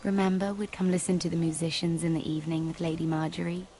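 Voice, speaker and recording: A woman's voice: lowish voice, flat delivery, quick pace, mellow, slight background noise, lightly acted, poor audio. A woman playing a playful young lady at court in a video game, teasing and coaxing in a leisurely way. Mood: wistful, coaxing.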